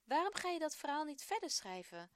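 A woman reading the part of a kind, patient father, speaking gently and encouragingly. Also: high voice, sing-song, fairly quick, no room sound, studio quality, pitched above the performer's own voice. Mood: gentle. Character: kind patient father, middle-aged man.

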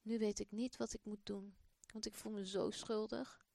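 A woman voicing a sick, guilt-ridden old father in a children's Bible story, speaking haltingly. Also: mid-range voice, little pitch movement, vocal fry, mellow, dry recording, clean studio sound, lightly acted. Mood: remorseful.

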